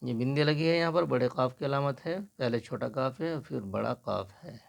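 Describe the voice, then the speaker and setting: Gravelly man teaching slowly. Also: mid-range voice. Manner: patient, explains each stroke while writing. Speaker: Urdu teacher. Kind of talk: slow step-by-step writing lesson.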